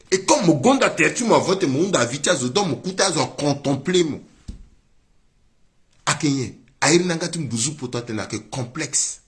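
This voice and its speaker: Mixing French and Sango, a man with a somewhat bright voice gives a political commentary monologue. He swings between exclamatory bursts and low, muttered asides.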